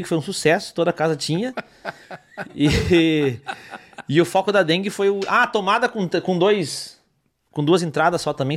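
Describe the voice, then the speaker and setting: Comedian guest, male, high voice, lively storyteller, casual chat.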